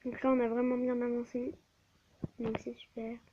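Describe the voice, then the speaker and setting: A woman's voice: a little high, level tone, moderate pace. A woman giving live gameplay commentary on her channel, often stammering and restarting words, recorded on a tablet mic. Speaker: gaming channel host. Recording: dull lo-fi with faint hiss.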